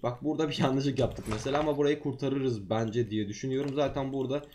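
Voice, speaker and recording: A man's voice: mid-range voice, steady tone, fast, dark tone, slight background noise. A man who has just woken up, giving casual, chatty game commentary to his viewers in an informal way. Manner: just woke up, slightly groggy-sounding voice. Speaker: gaming YouTuber, host.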